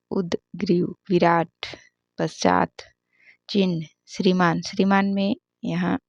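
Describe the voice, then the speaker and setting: Woman, spelling teacher, exam-prep lesson, reads word lists, corrects mistakes, low flat voice, dull lo-fi sound. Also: gravelly, no room sound.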